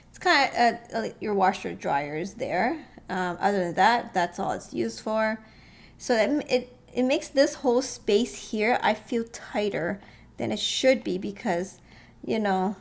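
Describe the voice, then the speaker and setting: A woman casually thinking aloud as she walks through floor plans, hesitant and chuckling now and then. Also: a little high. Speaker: real estate vlogger. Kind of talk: casual walkthrough commentary.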